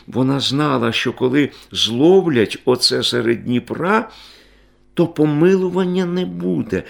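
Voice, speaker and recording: A man reads a story aloud with a gravelly, fry-edged voice of middling pitch. His reading is expressive, lifting and getting louder when the story grows tense. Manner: expressive reading, rising and loud in tense moments. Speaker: narrator. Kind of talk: storybook narration.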